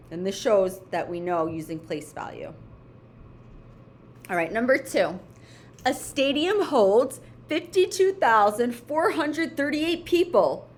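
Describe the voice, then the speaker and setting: Female elementary teacher, mid-pitched voice, walking kids through homework step by step in short phrases, faint room noise behind. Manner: instructional, breaks phrases into short pieces, checks in with "okay?" and "right?". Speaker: elementary school math teacher. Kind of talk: step-by-step homework lesson for children.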